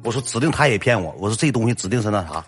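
A young man telling a comic story, lively and animated, acting out the quoted lines. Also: fairly low pitch, racing, over music.

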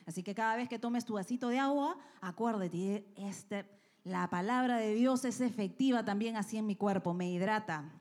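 A woman's voice: medium pitch, moderate pace, a little mellow. A woman preaching a sermon to a congregation. She speaks with emphatic stresses, drops to near-whispers, and asks her listeners direct questions.

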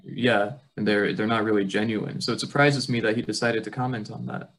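A young man co-hosting a political chat podcast. His voice sits fairly low, and he speaks in a measured, thoughtful way, often pausing on "um" as he introduces each topic. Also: fairly even intonation, fairly bright tone, rough recording. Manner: measured, steers the topics, frequent "um". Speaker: podcast co-host.

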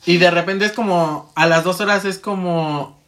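At a moderate pace and a medium pitch with a touch of brightness, a person in a relaxed conversation rambles on. They voice their own inner monologue as they go and laugh frequently.

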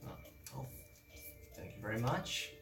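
A man playing a tabletop game, improvising in character in a halting, hesitant way. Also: medium pitch, animated, gravelly. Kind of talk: improvised role-play chat. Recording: echoey room, distant mic, music behind.

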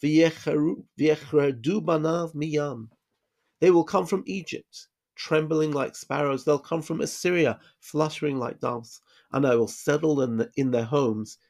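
A man's voice: medium pitch, creaky, darkish tone. A man giving a casual Bible study lesson, reading Hebrew verses aloud and explaining them in plain English. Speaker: Bible teacher.

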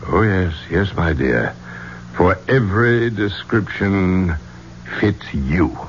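In a dull, noisy 1970s radio drama recording, an actor plays an obsessed, superstitious gentleman archaeologist with grandiloquent, courtly speech. His deep voice is animated and ardent, and he takes it slowly.

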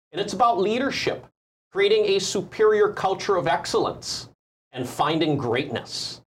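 A man's voice: on the high side, slight background noise. Enthusiastic male talk show host. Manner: enthusiastic, repeats "I mean". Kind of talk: studio interview hosting. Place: TV studio.

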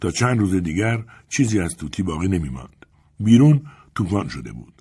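Male audiobook narrator, husky and lowish, measured pacing. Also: very animated, warm tone. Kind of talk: scripted narration.

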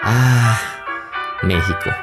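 Speaking very slowly in a lowish register, this young podcast host from Colombia shares a personal story with a Colombian accent. His tone is reflective and conversational, aimed straight at his audience, with music running underneath.

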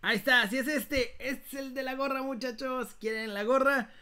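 A man with a Mexican accent hosting a casual live giveaway, speaking to viewers like a playful, animated prize announcer. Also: very high-pitched, moderate pace, clean tone. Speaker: host of an online news channel running a live giveaway.

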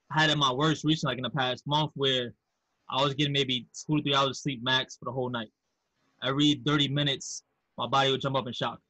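A man's voice: mid-range voice, sharp tone, no room sound, low-quality recording. A man from Queens, New York with a Queens accent, talking candidly and casually as a podcast guest. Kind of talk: casual conversational interview.

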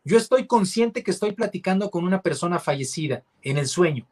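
A man's voice: sits high, lively intonation, brisk, darkish tone. A man, a radio announcer and guest on an interview show, telling a personal story in a reflective, hesitant way with many fillers and restarts. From Mexico.

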